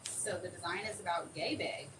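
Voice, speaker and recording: A woman demonstrating a craft on a live stream, chatting excitably and thinking aloud as she works. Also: fairly low pitch, brisk. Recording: distant mic with clear background noise.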